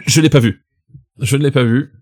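A man's voice: medium pitch, fairly quick, a little mellow. A man co-hosting a casual film-ranking chat, thinking aloud, hesitant and mildly blunt. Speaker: podcast co-host.

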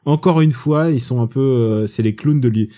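A man co-hosting a casual film review chat, opinionated and gently teasing. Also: medium pitch, normal speed.

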